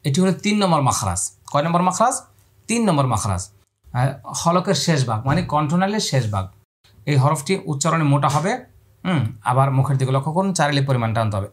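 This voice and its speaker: This is a man, teaching Quran pronunciation at a steady pace. He breaks each letter down carefully, asks his own questions and answers them. Then he sings out the sounds in long held calls for his students to copy. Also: fairly high pitch, fairly quick, husky. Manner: repeats prompts to the viewer, asking and answering his own questions. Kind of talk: step-by-step pronunciation lesson.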